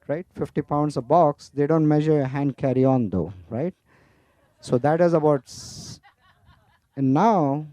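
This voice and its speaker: A man with a somewhat high, warm, mellow voice gives a relaxed spiritual talk at a festival. He tells funny stories and drops in Sanskrit words, checking in with "right?" and "you know". The sound is dry and close. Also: smooth, dry recording. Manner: humorous storytelling with Sanskrit terms. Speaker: spiritual teacher.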